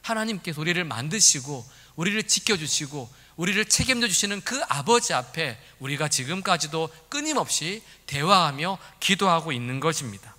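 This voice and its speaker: A man's voice: a little high, big pitch swings, normal speed, few pauses, bright, forceful tone, long reverb tail. A man preaching a sermon as senior pastor, earnest, often putting questions to the congregation. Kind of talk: sermon with opening prayer. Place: church sanctuary.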